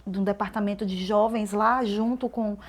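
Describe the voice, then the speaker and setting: A woman telling an emotional personal testimony as a podcast guest, swinging between loud and hushed delivery. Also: mid-range voice, steady tone, moderate pace.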